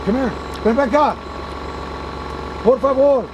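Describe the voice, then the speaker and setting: A man's voice: very high-pitched, unhurried, dull audio, background noise. A man on patrol calling out to someone outdoors, caught on a handheld camera. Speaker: patrol member. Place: outdoors at night in brush. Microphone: handheld camera mic.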